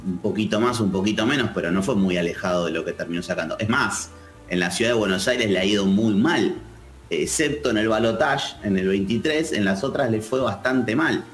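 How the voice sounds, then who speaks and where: A man with an Argentine accent, a political analyst answering interview questions in a measured, thoughtful way. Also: fairly low pitch, reverberant, soft background music. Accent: Argentine Spanish. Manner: measured, thoughtful, with frequent restarts.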